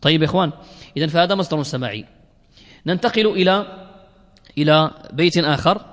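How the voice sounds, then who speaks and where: A man's voice: a little high, animated, quick pace. A man teaching a class, explaining verses line by line, questioning his students and drilling examples. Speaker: teacher of Arabic morphology. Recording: long hall reverb.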